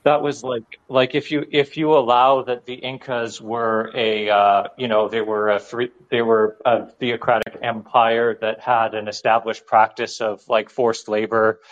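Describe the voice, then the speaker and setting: A man's voice: mid-range voice, little pitch movement, a little slow, few pauses. A man calling in to a show, rambling casually with many restarts and fillers. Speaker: caller. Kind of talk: casual call-in chat. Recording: dull lo-fi call line.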